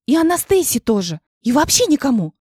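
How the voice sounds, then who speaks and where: Lady doing a young upset witch girl, mellow and higher, pleading. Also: sing-song, a little fast, no room sound, clean studio sound. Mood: indignant. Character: indignant young woman, a new court witch.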